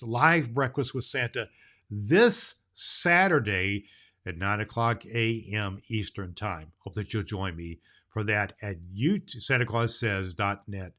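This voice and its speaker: A man's voice: on the low side, bright, forceful tone. A man playing a jolly, grandfatherly old Santa Claus, hosting a children's show in a folksy, emphatic way. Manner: folksy, emphatic, drawn-out phrases with hearty ho-ho-hos. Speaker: show host.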